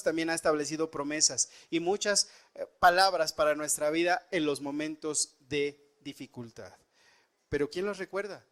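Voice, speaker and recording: A man's voice: on the high side, fairly bright tone. A man preaching a sermon, telling a personal story earnestly and rising and dropping his voice for emphasis. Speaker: pastor.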